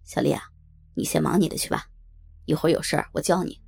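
A woman voicing a man who runs a nightclub, speaking in a brisk, commanding way. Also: low voice, creaky, darkish tone, slightly rough, pitched below the performer's own voice, full character voice. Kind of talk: erotic audio novel reading.

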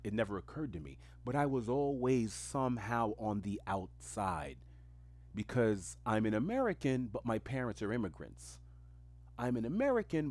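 On his own podcast, a Queens, New York man with a very deep, low, somewhat dark voice delivers a solo stream-of-consciousness monologue. He wanders reflectively and emphatically, returning to repeated phrases for rhetorical weight.

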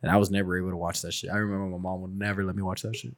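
A man's voice: low voice, flat delivery, rapid-fire. A man co-hosting a podcast in casual, slangy, teasing chat with some swearing. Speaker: podcast co-host.

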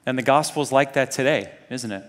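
A medium-pitched male preacher from Zambia and Kenya speaks fairly quickly to a group of students. The sermon is earnest and conversational, peppered with rhetorical questions for the listeners, and the room gives a long hall reverb.

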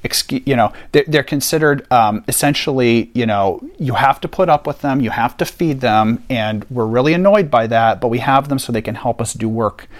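A man's voice: medium pitch, normal speed, few pauses. A man teaching a Bible passage on a podcast in an earnest, conversational way, stressing key points by repeating them. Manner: earnest, animated, emphatic repetition.

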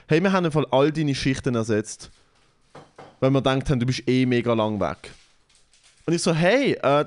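A young man with a Swiss German accent in casual chat, telling a story with lots of swearing and acting out what others said. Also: medium pitch.

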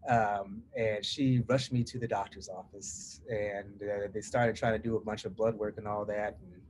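A Southern-drawling, middle-aged podcast guest from Portland, Oregon, in the US West Coast, recounts his personal story in an interview. Delivery is flat and moderately paced in a lowish, darkish voice, with slight background noise.

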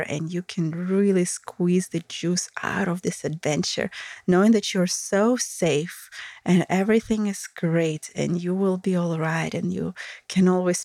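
A woman with a Russian accent hosts a podcast as an intimacy educator, talking frankly and casually in a candid, matter-of-fact monologue. Her voice is lowish and a little mellow, with vocal fry and no echo.

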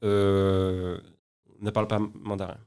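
A man's voice: low-pitched, flat delivery, takes it slowly, a little mellow, smooth. A man speaking as an interview guest in casual conversation, often stumbling over and repeating words as he explains. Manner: hesitant, many repeated words and restarts.

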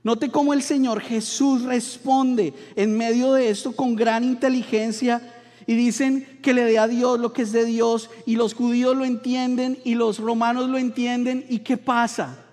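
A high-voiced Colombian man preaching a sermon from the pulpit, acting out the people in his stories. His voice carries a long reverb from the church hall around him. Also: unhurried. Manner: animated storytelling, acting out voices in quotes. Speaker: pastor.

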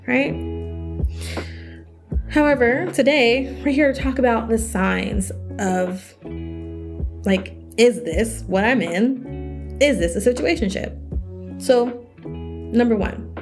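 Hosting a casual solo podcast, a young self-worth coach talks in a lively, chatty manner, mimicking others in higher-pitched voices when she quotes them. There's a slight scratchiness to her voice.

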